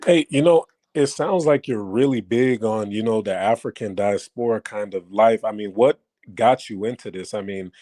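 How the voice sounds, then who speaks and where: A man hosts a relaxed interview, his voice sitting a little low and sounding close and dry. He asks loose questions padded with "you know" and "like" and keeps things friendly and casual. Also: normal speed, hardly any pauses, dry recording. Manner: laid-back, filler-heavy questions. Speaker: host interviewer.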